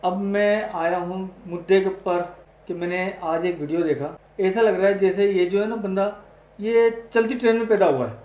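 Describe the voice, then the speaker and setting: A man's voice: high-pitched, steady tone, moderate pace. A man hosting an online video, giving heated, crude reaction commentary full of swearing. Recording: echoey, dull lo-fi audio.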